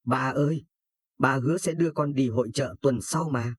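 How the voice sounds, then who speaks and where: Male narrator doing a stammering, tearful girl of thirteen, husky tone. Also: mid-range voice, moderate pace, dry recording, clean studio sound, natural voice. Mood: grieving. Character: frightened grieving girl of thirteen.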